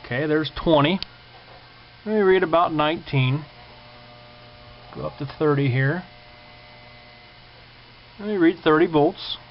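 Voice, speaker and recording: A man on the high side speaks unhurriedly and pauses often as he casually shows viewers his repairs from a workbench at home. His talk is unscripted, plain-spoken, and folksy. Recorded on a camcorder's built-in mic, the audio is muffled and lo-fi, with a noticeable hum.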